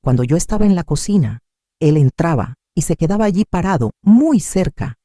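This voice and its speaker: Dramatic woman storyteller, dark voice. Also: on the low side, big pitch swings, dry recording, clean studio sound. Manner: slow, dramatic, emotive storytelling. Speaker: narrator. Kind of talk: scripted first-person narration.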